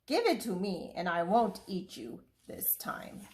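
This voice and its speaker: Woman reading a slow, boastful jungle tiger. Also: lowish voice, huge pitch swings, exaggerated voice.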